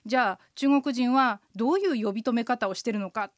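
Woman co-host, interpreter guide type, fairly high voice, friendly explainer, dry close studio sound. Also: no echo. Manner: friendly, explanatory, with quick asides. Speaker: licensed interpreter guide co-hosting a language lesson. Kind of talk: radio language lesson, explaining and chatting.

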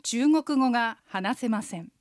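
Patient high-voiced woman teaching phrases. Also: measured pace, no echo, studio quality. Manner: patient, explanatory. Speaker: co-host, interpreter guide teaching Chinese phrases. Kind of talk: radio language lesson.

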